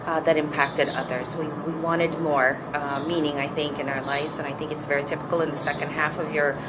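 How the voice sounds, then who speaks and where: Speaking a little fast with a low voice and flat delivery, this coffee company co-founder in her fifties, originally from Turkey, reflects earnestly on the interviewer's questions. She often begins sentences over, against heavy background noise.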